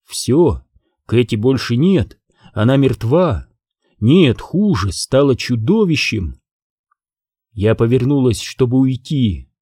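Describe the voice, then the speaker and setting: A man narrates an audiobook horror story in the first person, in a mellow, lively voice. His intonation moves a lot, and the recording is close and dry. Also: medium pitch, slow pace, breathy edge, dry recording. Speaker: audiobook reader. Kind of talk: scripted narration.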